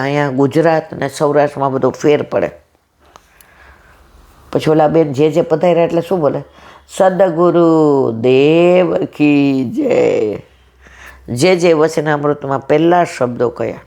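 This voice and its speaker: In her sixties, this satsang speaker delivers a devotional talk, narrating a story and performing each person's lines. She has a low, slightly mellow voice.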